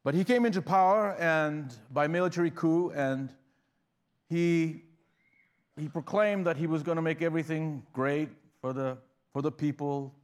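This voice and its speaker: Speaking at a moderate pace in a slightly high voice, this man from Uganda preaches as a guest. His sermon style is conversational, with frequent restarted phrases and sudden surges of emphasis.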